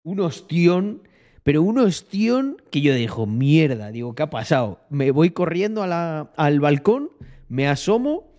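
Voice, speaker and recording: Spanish man, casual vlogger storytelling, animated and slangy, slightly high voice. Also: unhurried. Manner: animated, slangy anecdote-telling.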